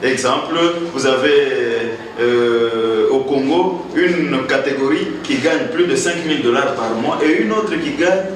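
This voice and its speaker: A man's voice: medium pitch, unhurried, few pauses. A man answering interview questions hesitantly, searching for words. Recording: echoey, distant, noisy.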